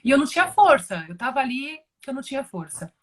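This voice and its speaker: A woman's voice: high voice, sing-song, fast. A Brazilian woman giving an earnest, emotional personal testimony in conversation, often restarting and repeating words as she talks. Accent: Brazilian Portuguese. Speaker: guest giving a religious testimony.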